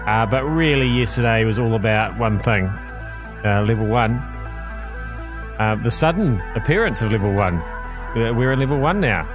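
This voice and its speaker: A man's voice: on the low side, animated, normal speed, pauses often. A man hosting a casual news chat show, jokey and full of fillers. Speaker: podcast host. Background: music.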